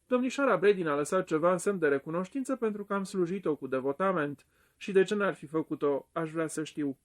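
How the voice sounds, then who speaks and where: A man voicing a nervous, servile butler in an audiobook, speaking low and respectfully. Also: close to an everyday voice. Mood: stiff. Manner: low, respectful, keeps saying sir. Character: nervous middle-aged male butler, servile.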